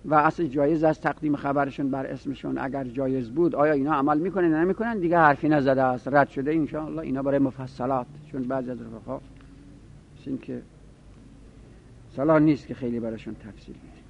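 A man giving a seminary lesson on Arabic grammar, explaining rules and repeating example phrases slowly. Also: medium pitch, steady tone, vocal fry, slight background noise. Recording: dull lo-fi recording.

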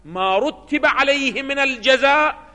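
Male lecturer, high and sharp voice, teaches by prodding the class with questions, in a reverberant hall. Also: a little slow. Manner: keeps asking rhetorical questions of students. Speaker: seminary lecturer.

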